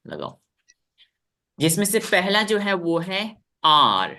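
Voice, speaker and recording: A man with an Indian accent teaching English in an online class over a video call, drilling words slowly and repeating each one three times, stern with his pupils. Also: sits high, sing-song, sharp tone. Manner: stern with students.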